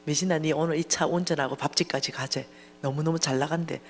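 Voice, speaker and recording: A woman voicing her wealthy, boastful friend, calling out loudly and teasing. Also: deep voice, fairly even intonation, fairly quick, pitched below the performer's own voice. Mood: offhand.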